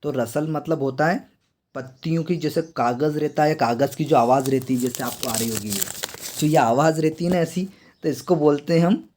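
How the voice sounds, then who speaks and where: A young adult man with an Indian accent walks students through exam answers, repeating questions back to them and reading the English items slowly. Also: on the high side, a little mellow, a little hiss or hum. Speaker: teacher explaining exam answers. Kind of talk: exam answer walkthrough lesson.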